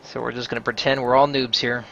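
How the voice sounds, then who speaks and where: A man's voice: mid-range voice, flat delivery, fast talker, creaky, muffled recording, very noisy. A man chatting and joking with viewers as he plays a video game. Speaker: let's play host. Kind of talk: casual gameplay commentary. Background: game music.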